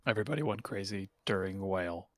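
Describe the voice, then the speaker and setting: A man's voice: low-pitched, animated, fast, no room sound, studio quality. A man chatting casually as a stream guest over group voice chat, often restarting his sentences and slipping in puns. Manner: stammering restarts, punning. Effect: heard over group voice chat.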